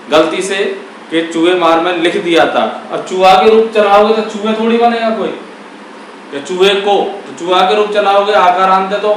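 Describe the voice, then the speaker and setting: Guy teaching grammar in a super echoey room, mic pretty far off, slightly high voice. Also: fairly bright tone, a little hiss or hum. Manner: asks and answers his own questions. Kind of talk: classroom-style explanation.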